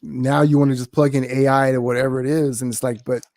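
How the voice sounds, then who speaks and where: Brief: male podcast host, warm mellow tone, dry close mic, affirming and encouraging. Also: mid-range voice, flat delivery, fast, no room sound. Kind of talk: casual interview.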